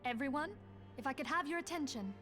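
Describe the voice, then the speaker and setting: An actress voicing a courteous, dignified leader in a video game, speaking formally and politely over music. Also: female voice, high-pitched, lively intonation, fast talker, fairly bright tone. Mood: formal, composed.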